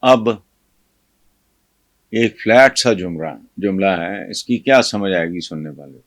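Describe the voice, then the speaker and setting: An older man from Pakistan giving fiery political commentary, scornful and scolding, with loud bursts of mockery. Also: low-pitched, expressive, no room sound.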